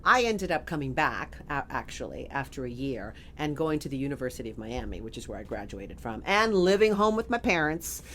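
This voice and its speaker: A middle-aged woman with a low, deep voice tells a story in a relaxed podcast interview. She is animated and laughs as she slips into quoted voices. Faint room noise sits behind her. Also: fairly quick, few pauses. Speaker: guest.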